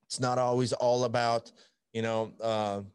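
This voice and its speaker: A young Italian podcast host rambles upbeat through a casual interview chat, full of fillers, in an Italian accent. His medium-pitched voice is level, unhurried, and slightly mellow, recorded with clean, studio-quality sound and no room ambience.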